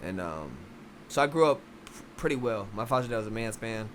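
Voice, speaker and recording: Fast-talking young man, rambling. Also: lowish voice, big pitch swings, background noise. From Philadelphia. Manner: fast, rambling, many restarts. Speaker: boxing coach, podcast guest. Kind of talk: casual interview chat.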